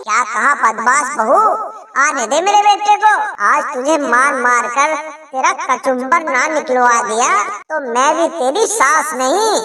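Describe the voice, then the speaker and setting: A woman's voice: sits high, lively intonation, unhurried, pushed and bright, voice pushed down, exaggerated voice. A woman voicing a stingy, bossy old mother-in-law in a cartoon comedy, scolding and threatening. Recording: roomy, distant echo.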